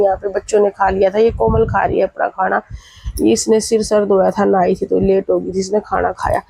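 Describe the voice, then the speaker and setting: A woman's voice: mid-range voice, gravelly, dark tone, slightly rough, dry recording, poor audio. A woman, feeling feverish and unwell, chatting through a vlog and retelling her family's talk. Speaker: vlogger. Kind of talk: casual vlog narration.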